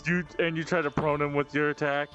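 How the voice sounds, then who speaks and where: A man's voice: a little high, flat delivery, fairly quick, dull audio, over music. Laughing man running a tabletop game. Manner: laughing, loose narration with many fillers. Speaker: game master. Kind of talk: narrating a tabletop game with friends.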